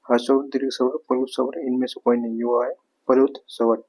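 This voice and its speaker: Flat-voiced man teaching a grammar class. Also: medium pitch, brisk, creaky, low-quality recording. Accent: Haryanvi-tinged Hindi. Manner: explains step by step, repeats answers, asks rhetorical questions. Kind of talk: exam prep grammar lesson.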